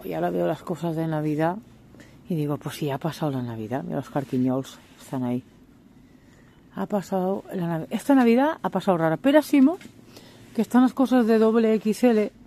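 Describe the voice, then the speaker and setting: Deep and mellow, this woman's voice narrates her grocery run as she vlogs with a handheld camera indoors. She chats away, reacting to products and prices while the supermarket hums noisily around her.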